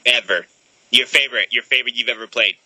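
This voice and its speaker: A man's voice: medium pitch, fast, sharp tone, slightly rough, no echo, rough recording. A man co-hosting a casual podcast, teasing the others and quizzing them. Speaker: podcast co-host.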